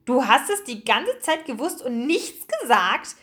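A touchy, easily flustered male storybook animal, as a woman reads him, quick to protest in indignation. The voice is fairly high. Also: big pitch swings, a bit bright. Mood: indignant.

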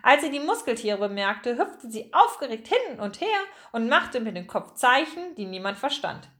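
A woman reads a children's story aloud with an expressive, lilting delivery. Her voice sits a little high and moves freely, slowing down to build suspense. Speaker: audiobook narrator. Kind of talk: children's audiobook narration.

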